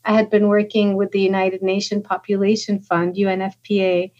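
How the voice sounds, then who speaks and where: A woman's voice: mid-range voice, little pitch movement, a little fast, highs cut off. A woman in her forties from Lebanon, a lecturer being interviewed, telling her story in long, candid stretches. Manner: chatty and candid, talks in long winding stretches. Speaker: guest, lecturer. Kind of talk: podcast interview.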